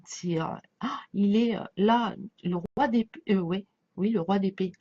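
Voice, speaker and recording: A woman with a slight lisp chatting casually as a tarot reader, halting and circling back, often leaving thoughts unfinished. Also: mid-range voice, dark tone, slightly rough. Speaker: tarot card reader giving a reading to followers. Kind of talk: casual rambling chat over a tarot spread. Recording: dull lo-fi sound.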